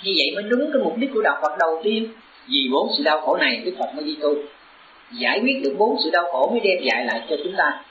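A man's voice: on the high side, sing-song, fast, a bit bright. A man, a Buddhist teacher giving a sermon to his disciples. He speaks in an earnest, exhorting way and pushes up into urgent emphasis. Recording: roomy, dull lo-fi recording.

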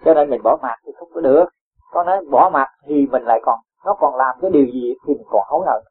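A man, a Buddhist teacher giving a gentle dharma talk with homely examples and chuckles. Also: medium pitch, fast talker, slightly rough. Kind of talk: dharma talk answering a follower. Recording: tinny phone-like lo-fi sound.

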